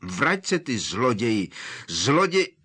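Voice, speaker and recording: Man putting on an enraged teen boy, sharp, accusing, animated. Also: medium pitch, pitched above the performer's own voice. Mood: furious. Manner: furious, shouting accusations. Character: angry teenage boy wizard.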